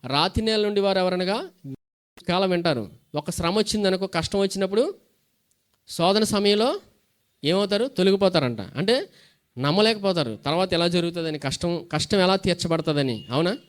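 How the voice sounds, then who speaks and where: High-pitched pastor guy preaching, keeps asking questions and answering them himself. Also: animated, normal speed, long pauses. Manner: reads scripture aloud between plain explanations. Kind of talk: sermon.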